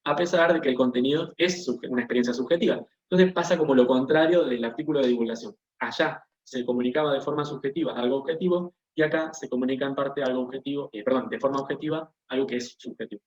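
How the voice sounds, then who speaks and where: Teacher in an echoey online class. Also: male voice, medium pitch, fast, hardly any pauses. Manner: explanatory, often checks in with the class. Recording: echoey, dull lo-fi video-call audio.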